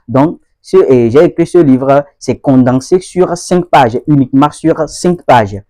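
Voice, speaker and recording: A man's voice: medium pitch, measured pace, mellow, no room sound. Man, casual lesson host, repeats himself, checks viewers understand, dry close sound. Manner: repetitive, addresses viewers directly with frequent checks for understanding. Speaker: host of an English-learning channel. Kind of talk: casual explanatory video lesson.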